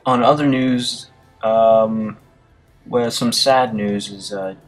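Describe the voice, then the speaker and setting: A man's voice: fairly low pitch, fairly even intonation, slow, faint music behind, poor audio. A man casually narrating gaming news and reading articles aloud, hesitating often with fillers and restarts. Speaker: gaming video commentator.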